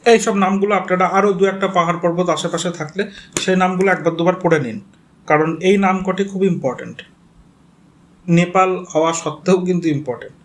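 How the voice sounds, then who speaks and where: A man with a Bengali accent and a high-pitched voice teaches geography to exam students at a quick pace. He breaks explanations into steps, spells names out and keeps checking in with his class.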